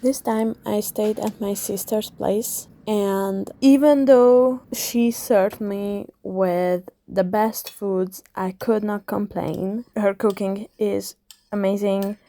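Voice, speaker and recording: A young woman from Hungary chatting casually as she narrates her travel and reading vlog, with soft laughs. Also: medium pitch, fairly even intonation, slow pace. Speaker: book vlogger. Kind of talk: casual vlog voiceover and diary talk.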